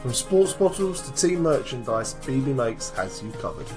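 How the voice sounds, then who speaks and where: A man's voice: mid-range voice, very animated, normal speed. A man reading a scripted sponsor announcement for a podcast. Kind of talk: scripted ad read. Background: music behind the voice.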